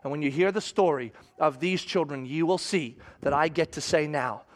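Telling stories from the pulpit, a middle-aged pastor delivers an emphatic sermon to his congregation. He speaks at normal speed in a voice on the high side.

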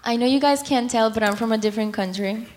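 A young woman from Colombia chatting onstage about her church, lively and often laughing. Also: on the high side, quick pace. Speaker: church member guest. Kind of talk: onstage testimony. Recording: echoey hall.

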